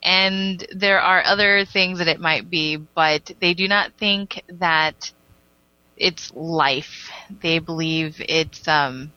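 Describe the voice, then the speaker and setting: A woman's voice: lowish voice, slow, pushed and bright, clear, resonant tone, no room sound, highs cut off. A woman co-hosting a casual podcast, reading out a news story with frequent ums. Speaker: podcast co-host. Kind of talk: casual chat.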